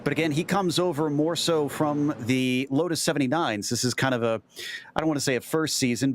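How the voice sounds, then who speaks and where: Higher-voiced male motorsport commentator. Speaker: motorsport commentator, lead caller. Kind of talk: live sim racing commentary.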